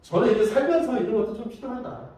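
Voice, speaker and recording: A man giving a safety training lecture, telling lively stories and acting out examples. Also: very high voice, quick pace. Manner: lively storytelling with acted-out examples. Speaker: safety instructor. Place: large lecture room. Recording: echoey hall, mic far off.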